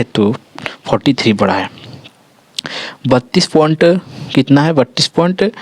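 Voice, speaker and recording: A male teacher with a Jharkhand Hindi accent walks students through a school maths lesson, pausing often to check they follow. He corrects his own slips as he goes. His mid-pitched voice sounds dry and close, with no room echo. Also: darkish tone. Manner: explains step by step, often checks in with "ठीक है" and "देखिए". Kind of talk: classroom-style maths lesson.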